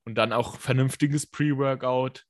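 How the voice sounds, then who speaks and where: Man, raspy smoker's voice, dry close sound, colloquial, emphatic, casual coaching talk. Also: medium pitch, fairly even intonation, a little slow, no echo. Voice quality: scratchy smoker's rasp. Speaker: podcast co-host and fitness coach. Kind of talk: casual podcast chat, coaching advice.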